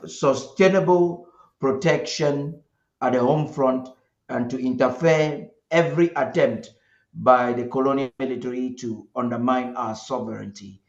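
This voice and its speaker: A man's voice: mid-range voice, unhurried, vocal fry. A man hosts a live interview, pacing his formal phrasing with small halts and restarts. His voice comes through a roomy, echoing space on dull, lo-fi audio. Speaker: host.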